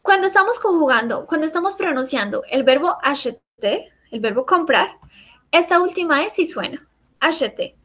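A woman teaching a French class, patiently explaining and repeating each example slowly. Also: high voice, animated, a bit bright.

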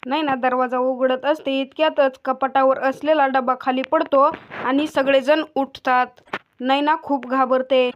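A woman narrating the plot of a TV serial in a scripted, even reading voice. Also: high-pitched. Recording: dull lo-fi recording.

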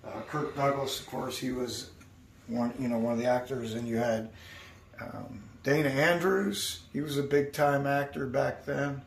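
Here the same kind of speaker, an artist in his sixties, guides a relaxed tour of his indoor studio with a medium-pitched, steady, unhurried and creaky voice. His storytelling wanders and is full of fillers, picked up by a far-off mic in an echoey room with light hiss.

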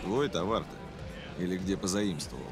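An actor voicing a tough street mercenary in a video game, asking curt, blunt questions. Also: male voice, low voice, lively intonation, normal speed. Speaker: player character in a video game. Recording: game music under the voice.

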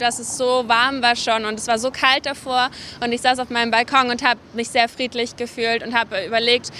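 A young woman in her twenties, answering a street interview in a thoughtful, gentle way. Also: on the high side, a little hiss or hum. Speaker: passer-by. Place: city street outdoors.

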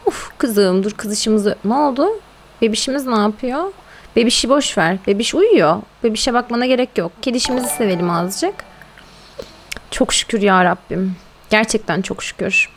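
A woman's voice: a little high, animated, normal speed, a little hiss or hum. A woman streamer chatting casually while playing a game, exclaiming and cooing at her pets and talking to viewers. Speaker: gaming streamer. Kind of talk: casual live-stream gameplay chat.

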